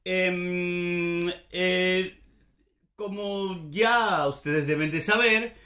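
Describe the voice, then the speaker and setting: Thinking out loud in an easygoing, meandering monologue full of hesitations, a Spanish-language podcast host from Venezuela speaks with a Venezuelan Caribbean accent. His voice sits high and he talks extremely slowly, in an echoey room.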